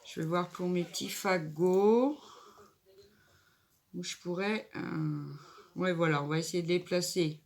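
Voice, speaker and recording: Speaking a little slowly with long pauses, this woman has a fairly low, darkish-toned voice made nasal by a cold. She's a craft vlogger chatting casually and thinking aloud as she puts together a table decoration in a relaxed tutorial.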